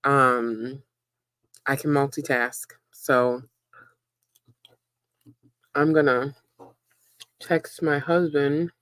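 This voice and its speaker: A woman's voice: a bass voice, fairly even intonation, drawn-out words, pauses often, fairly bright tone, dry recording. A woman chatting casually on a live stream while she eats and works, rambling with many ums and likes. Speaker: livestreamer and web content creator.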